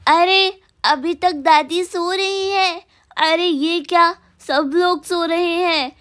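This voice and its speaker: A woman's voice: very high voice, steady tone, slow pace, a bit bright, heavily acted. A woman voicing an impatient young college girl in a storybook tale.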